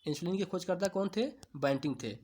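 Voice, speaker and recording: A man with a somewhat high voice runs through exam questions like a coaching teacher. He asks each answer back as a question, then repeats it, drawing key terms out slowly. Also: a little mellow. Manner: slow, drawn-out stresses on key terms. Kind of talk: quiz-answer lesson.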